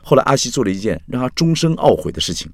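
A man narrating a story in a conversational, animated way. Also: medium pitch, fast talker.

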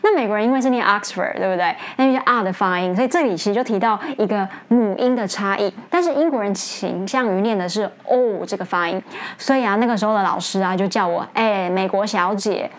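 A woman teacher, hosting an English lesson in a chatty, casual way, often laughing and jumping up in pitch to stress points. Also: fast talker.

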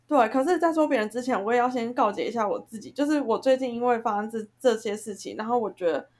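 Brief: young woman, podcast co-host, fired-up venting, voice sits a bit high. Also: fast. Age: young adult. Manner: heated, ranting, animated storytelling. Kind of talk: casual venting chat.

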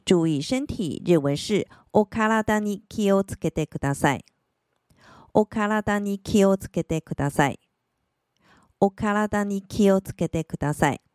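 A woman giving a scripted language lesson, repeating each word slowly and clearly for learners to practice. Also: medium pitch, darkish tone, no echo, studio quality. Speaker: Japanese language teacher.

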